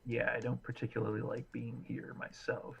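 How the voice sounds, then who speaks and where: Bright-voiced man game master. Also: mid-range voice, moderate pace, vocal fry, highs cut off. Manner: relaxed, laughs easily. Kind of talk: live tabletop game narration.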